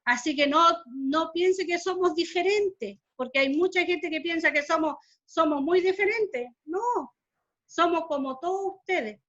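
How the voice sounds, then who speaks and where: A Mapuche community speaker from southern Chile addresses a class over a video call in a heartfelt talk, her Chilean Spanish accent clear. Her high, fairly bright voice moves a little slowly as she speaks earnestly and emotionally, repeating phrases and circling back over her words. The audio is dull and lo-fi.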